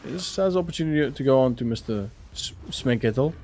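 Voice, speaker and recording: A young man casting esports play-by-play, animated and quick to laugh. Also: mid-range voice, slight background noise. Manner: animated, laughs often, rising excitement on plays. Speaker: esports caster.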